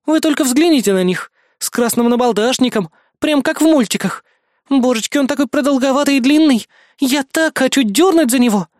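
A squeaky, gushing girl who bounces between giddy excitement and sheepish guilt, as the reader takes her on. Her voice sits far above the narrator's and is heard dry and close, with no room around it. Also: a little fast, no echo, close to an everyday voice. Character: excitable clumsy young woman, childish and giggly.

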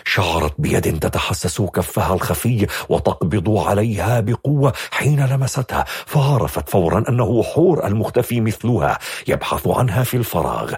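A male narrator reading a story with an expressive, lively delivery that rises and falls. His voice sits low and is very husky and breathy, recorded dry and close. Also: moderate pace, no room sound. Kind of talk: audiobook narration.

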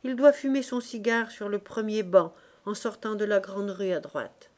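A woman's voice: mid-range voice, moderate pace, darkish tone, lightly acted. A woman reading an audiobook, voicing a generous young fruit seller. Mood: cheerful.

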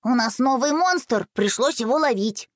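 Two mischievous young twin boys plead and promise in a bright, high, bouncing voice, as a woman reader puts them on. The pitch jumps all over. The sound is dry and close. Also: lively intonation, normal speed, no room sound.

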